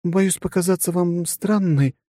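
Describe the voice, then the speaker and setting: High soft young woman, nervous and hesitant, a guy doing her voice, dry sound. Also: measured pace, no room sound.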